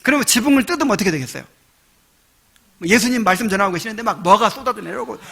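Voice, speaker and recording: A male pastor preaching a sermon, telling the story with acted-out voices and building to emphatic shouts. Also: very high voice, creaky. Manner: animated storytelling preacher, acts out quoted voices, chuckles, rising to shouts.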